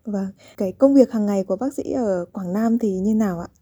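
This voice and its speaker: A woman hosting a radio program, reading scripted narration and asking questions in a polite, measured way. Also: mid-range voice, mellow, breathy edge, dry recording, clean studio sound.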